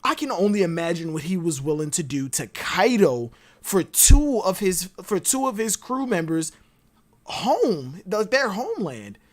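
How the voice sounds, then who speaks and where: Animated, rambling anime-chat guest. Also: medium pitch, unhurried. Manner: rambling and animated, full of digressions. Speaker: podcast guest. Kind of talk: casual anime theory chat.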